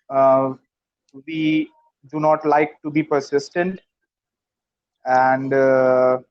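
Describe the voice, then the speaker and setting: Male English learner from Pakistan, slightly high voice, halting and filler-heavy, dull video-call sound. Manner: hesitant, many fillers and restarts. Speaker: student. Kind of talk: online English practice conversation.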